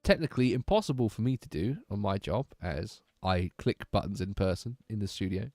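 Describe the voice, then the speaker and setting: A man's voice: lowish voice, lively intonation, a little fast, dark tone, no room sound, clean studio sound. A sleepy young man chatting casually on a livestream, rambling and trailing off as he talks. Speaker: streamer.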